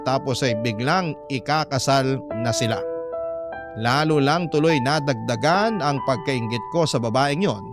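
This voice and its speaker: As a radio drama narrator, a man with a Filipino accent and a medium-pitched voice dramatically reads a listener's letter in the first person.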